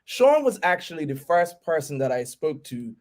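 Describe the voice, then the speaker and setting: A man with a Bermudian accent and a slightly high voice talks as an interview guest. He lays out his account in an informal, conversational way. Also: big pitch swings, normal speed. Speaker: guest DJ and producer. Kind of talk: casual interview chat, storytelling.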